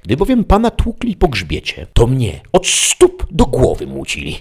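A man's voice: medium pitch, wildly swooping pitch, unhurried, a little mellow, slightly rough, full character voice. A man reading an audiobook aloud, voicing a crude, talkative peasant squire in a raised, folksy, complaining tone.

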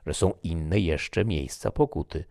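Audiobook figure: man reading as a solemn soldier, low gravelly voice, slow and measured, dry studio. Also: mellow, dry recording, heavily acted. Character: grave, fatalistic male soldier.

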